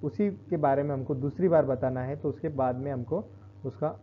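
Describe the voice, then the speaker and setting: A man teaching English grammar in a classroom-style lesson, explaining slowly and repeating each point. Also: mid-range voice, slight background noise. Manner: explains slowly, repeats points, switches between Hindi and Marathi. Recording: dull lo-fi recording.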